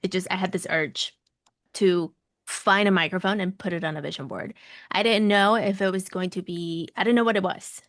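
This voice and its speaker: A woman's voice: medium pitch, fairly even intonation, moderate pace, fairly bright tone, no echo, studio quality. A woman with a Mexican, Latin American accent, telling her story conversationally as a podcast guest, repeating phrases for emphasis. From Mexico City, Mexico. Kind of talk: conversational personal storytelling in an interview.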